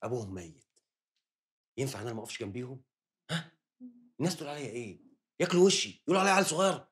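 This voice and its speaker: An actor playing a young Egyptian man trying to calm a quarrel in a TV drama. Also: medium pitch, lightly acted. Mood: pleading. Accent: Egyptian Arabic. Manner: pleading, fast, lively intonation. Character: young man, weary, trying to keep the peace.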